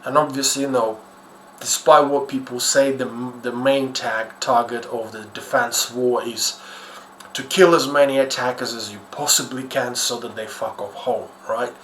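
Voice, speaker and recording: This YouTuber host is a man from Ukraine with a Ukrainian accent, and his mid-range, fairly bright voice moves at a moderate pace with fairly even intonation. His unscripted commentary is casual, hesitant and rambling, blunt and self-deprecating, recorded in an echoey room with faint noise behind him.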